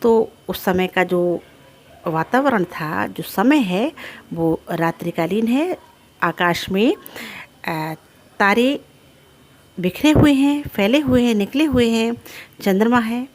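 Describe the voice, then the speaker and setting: A woman teacher walks through a poem in a lesson, pausing to gloss each word with one synonym after another. Her voice sits a little on the high side, and her explanations come steady and patient. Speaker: Hindi teacher. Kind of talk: explaining poetry in a class lesson.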